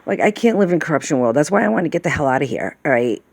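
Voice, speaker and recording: This late-fifties woman has a low, gravelly, slightly rough voice that swings widely in pitch as she talks rapid-fire. A vlogger, she meanders through a casual monologue with frequent sighs and check-ins like "okay?" and "all right?", recorded with no echo.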